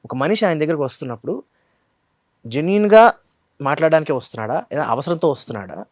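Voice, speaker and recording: A man's voice: a little high, fast talker, no room sound. A man in his thirties, an actor as an interview guest, telling stories animatedly and mixing English phrases into his talk. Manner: animated, acts out quoted lines. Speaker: actor guest recalling childhood films. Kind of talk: casual interview storytelling.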